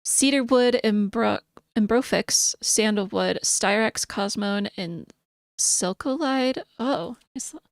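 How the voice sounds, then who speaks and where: A woman's voice: mid-range voice, takes it slowly, creaky, no room sound, studio quality. A woman live streamer chatting casually and thinking aloud as she reads through notes, sometimes mumbling. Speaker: VTuber streamer.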